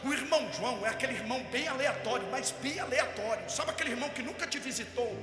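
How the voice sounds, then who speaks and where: A man with a strikingly high voice preaches to a crowd, telling his story with animated energy and building to shouted exhortation. His voice rings through a big reverberant hall, with music playing underneath. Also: fast talker. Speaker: pastor. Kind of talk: impassioned sermon storytelling. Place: large hall at a youth event. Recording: echoey hall with music behind.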